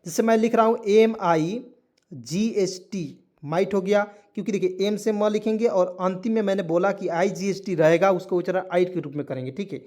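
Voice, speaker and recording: A man's voice: sits high, moderate pace, darkish tone. A man teaching a spoken language lesson to viewers, spelling words letter by letter and asking them repeated quiz questions.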